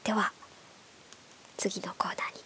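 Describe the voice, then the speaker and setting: A woman with a stuffed-up, nasal voice from hay fever, hosting a bedtime radio show in soft, breathy, casual chat that often drops toward a whisper. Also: a little slow. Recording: clearly audible background hiss.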